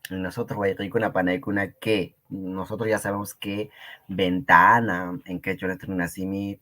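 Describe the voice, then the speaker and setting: Peruvian guy teaching an online language class, slow and low-voiced, repeats stuff a lot. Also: fairly bright tone. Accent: Peruvian Spanish. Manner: patient, repeats words slowly for students.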